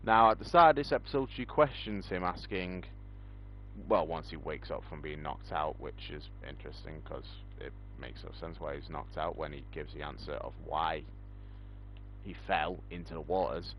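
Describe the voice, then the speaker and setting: A man's voice: extremely low pitch, moderate pace, dull audio, slight background noise. A young man hosting a casual discussion, rambling with lots of ums. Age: young adult. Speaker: podcast host. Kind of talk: casual chat.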